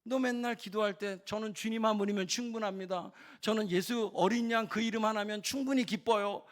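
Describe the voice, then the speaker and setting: A man's voice: high-pitched, fairly even intonation, a little fast, voice pushed up, lightly acted. A man preaching, voicing the Lord as He questions and rebukes a proud servant. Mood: rebuking.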